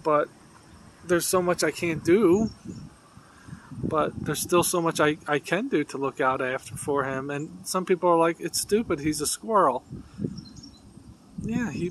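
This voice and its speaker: A man vlogging outdoors as he feeds a wild squirrel, talking earnestly and affectionately, sometimes coaxing in a high pet voice. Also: unhurried, long pauses, noisy background. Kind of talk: casual vlog narration. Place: outdoors near his home.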